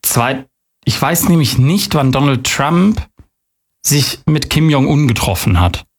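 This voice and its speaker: A man's voice: medium pitch, expressive, measured pace, slightly rough. A man on a casual podcast, guessing quiz answers by thinking aloud in a playful, chatty way. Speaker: quiz contestant and co-host.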